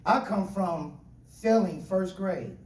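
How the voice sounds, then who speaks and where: A man's voice: high voice, slow, darkish tone. A middle-aged man from Ohio delivering a spoken word speech with a repeating, rhythmic refrain. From Ohio, USA. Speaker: speaker. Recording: echoey room, voice from far off.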